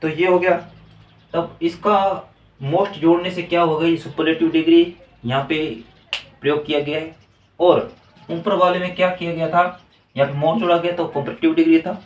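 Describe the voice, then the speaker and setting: A man's voice: fairly high pitch, fairly even intonation, moderate pace, slight background noise. A man teaching a grammar lesson to a class, explaining step by step and often checking with "okay". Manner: explains step by step, repeats "ठीक है". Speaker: English teacher. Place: classroom with students present. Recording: echoey room, voice from far off.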